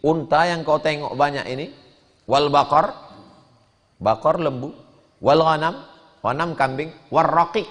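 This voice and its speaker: A male preacher giving a sermon, switching between chanted Arabic phrases and lively explanation. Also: fairly high pitch, measured pace, long pauses. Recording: long hall reverb.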